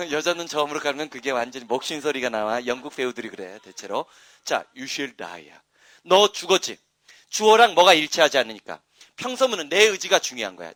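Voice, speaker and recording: A man teaching an English grammar class, chatty and wandering into asides, then loud and emphatic when he explains the rules. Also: on the high side, no echo. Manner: rambling, chatty asides with frequent "응?" checks. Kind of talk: classroom lecture.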